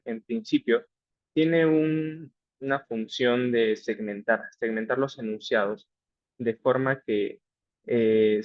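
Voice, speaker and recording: A young male student giving a class presentation, speaking hesitantly and filling the gaps with "eh". His voice sits at a medium pitch, and the recording is muffled and dry, with no room echo. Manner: hesitant, many fillers.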